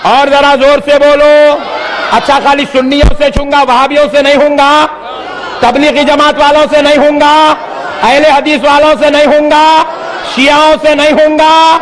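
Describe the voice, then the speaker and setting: High-voiced preacher shouting in echoing hall. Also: male voice, normal speed, noisy background. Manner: animated storytelling, often shouting to the crowd. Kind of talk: sermon. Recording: long hall reverb.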